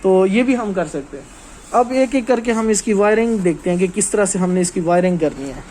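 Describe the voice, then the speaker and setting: Animated and brisk, a technical trainer with a very high-pitched yet darkish-toned voice leads a casual, practical walkthrough. He explains each step and repeatedly makes sure the audience is keeping up, while some noise sits in the background.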